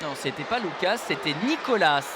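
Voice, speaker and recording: A man giving live, excited play-by-play sports commentary on football. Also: fairly high pitch, normal speed, crowd noise. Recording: clear outdoor stadium noise behind. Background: outdoor ambience of a football match.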